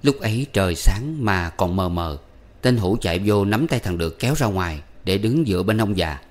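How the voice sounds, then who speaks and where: A man narrating a storybook in a steady, measured reading voice. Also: fairly low pitch. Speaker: audiobook narrator.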